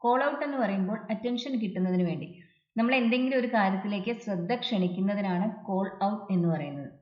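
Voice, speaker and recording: Female exam tutor, methodical explainer, mid pitch, lo-fi echoey room. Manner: explains step by step, reads English example sentences slowly. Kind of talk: exam prep lesson. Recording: dull echoey room recording.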